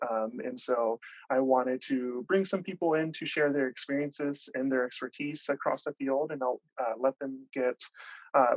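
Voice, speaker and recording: A man hosting an online panel discussion, speaking with many pauses and filler sounds. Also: medium pitch, dry recording. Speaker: panel host. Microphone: video call. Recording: dull lo-fi video call audio.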